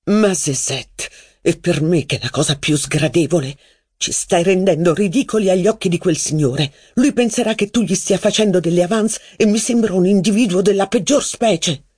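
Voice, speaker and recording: An audiobook reader voicing a jealous, irritable young aristocrat who talks low and urgently, a little husky, in a dry room. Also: normal speed, a little mellow, no echo, natural voice. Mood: irritated. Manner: urgent, low, partly whispered. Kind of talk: audiobook character reading.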